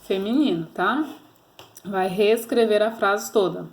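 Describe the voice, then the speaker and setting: A woman's voice: medium pitch, slow pace. A Brazilian woman teacher giving a recorded grammar lesson to children, patiently posing fill-in questions and coaxing answers. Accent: Brazilian Portuguese.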